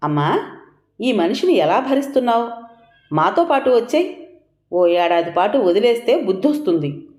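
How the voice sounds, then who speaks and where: A woman's voice: medium pitch, sing-song, normal speed, long pauses, darkish tone, roomy sound, pitched above the performer's own voice, lightly acted. A woman voicing an indignant young adult daughter who complains scornfully about her father.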